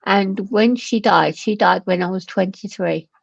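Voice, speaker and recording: A woman with a Lancashire accent tells stories in a casual chat and acts out the voices of the people in them. Her voice has a heavy gravelly fry. The sound is dry and a bit muffled, like lo-fi stream audio. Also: medium pitch, measured pace, no echo. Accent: Lancashire English. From England. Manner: animated storyteller, acts out quoted friends.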